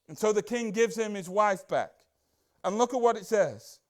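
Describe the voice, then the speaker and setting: Man, pastor, conversational sermon, high pitch, rhetorical questions, excitable asides. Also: normal speed. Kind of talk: casual expository sermon.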